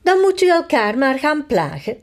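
A woman's voice: high-pitched, very animated, moderate pace, voice pushed up. A woman reading a storybook aloud and voicing a patient, weary male footman who explains things hesitantly. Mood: explaining.

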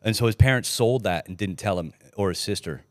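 A man's voice: on the low side, brisk, dry recording, clean studio sound. A middle-aged man telling rambling, profane stories on a casual podcast, laughing often. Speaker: podcast host. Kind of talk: casual storytelling chat.

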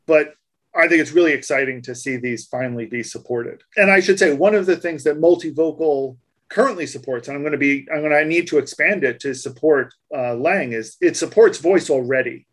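Guy with a slightly high voice walking his cohost through tech stuff, casual podcast chat. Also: a little fast. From United States. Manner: patient, explanatory, restarts mid-sentence. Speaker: co-host explaining voice tags.

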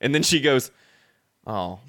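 A man trades quick, teasing banter in a casual chat and laughs often. His voice is of middling pitch. The sound is close and dry. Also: animated, a bit bright, dry recording.

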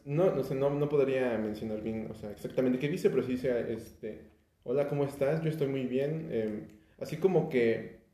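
A young man with a Mexican accent explains an album in a relaxed, halting way. His voice is dark and mellow. The room around him is echoey. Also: mid-range voice. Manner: relaxed, hesitant, many fillers and restarts. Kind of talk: casual podcast chat about music.

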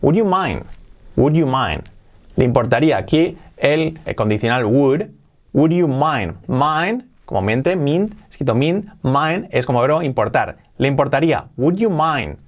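This male teacher repeats English phrases slowly for Spanish-speaking viewers, modeling how each should sound. He speaks at a medium pitch and sounds expressive.

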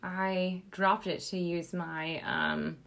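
A woman's voice: lowish voice, flat delivery, slow pace, a bit bright. A young woman playing a tabletop game, eager and chatty as she decides her moves. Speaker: player.

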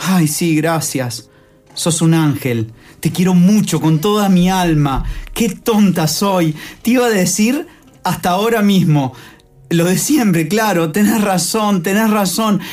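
A woman's voice: on the low side, measured pace, darkish tone, soft background music, close to an everyday voice. A woman with a Rioplatense accent performing a dramatic monologue as a desperate woman pleading with her lover on the phone. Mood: tender. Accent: Rioplatense Spanish. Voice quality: pleading, tender, anxious.

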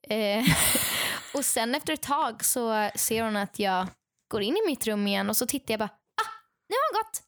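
A young adult woman casually telling stories to a friend, lively and acting out what others said, with many fillers. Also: fairly high pitch, no echo. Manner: animated, acts out quoted dialogue; frequent fillers and restarts. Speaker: podcast co-host telling stories. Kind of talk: casual storytelling chat.

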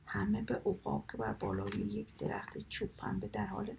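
A woman whispering a children's folk tale aloud in a soft, calm reading manner. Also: medium pitch, gravelly, a little hiss or hum. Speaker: storyteller. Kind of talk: whispered storytelling.

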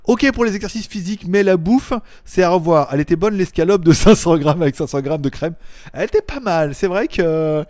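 A man's voice: sits high, brisk, a little mellow. A man of forty hosting a live stream, chatting casually and reading viewer comments in a rambling, joking way. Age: 40s.

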